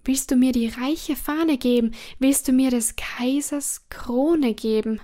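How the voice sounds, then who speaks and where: Death as a cold, patient spirit from a fairy tale, voiced by a woman reading aloud. It speaks slowly and quietly, coaxing and bargaining, only a little apart from the narrator's clear, fairly high voice.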